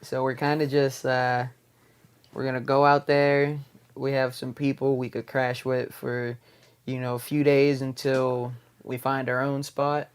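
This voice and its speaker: A man's voice: mid-range voice, completely flat delivery, unhurried, clean tone. A man from West Virginia talking casually about his own plans. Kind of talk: casual chat.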